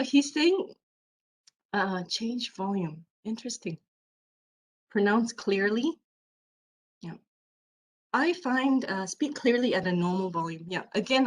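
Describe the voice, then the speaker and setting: A woman giving a keynote presentation online, speaking loudly by habit and repeating her points for emphasis. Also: mid-range voice, low-quality recording. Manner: animated, repeats herself for emphasis.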